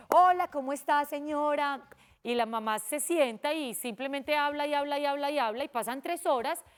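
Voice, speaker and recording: A woman teacher giving a televised language lesson for children, expressive and acting out little dialogues. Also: high-pitched. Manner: expressive, acts out little dialogues with lively voices.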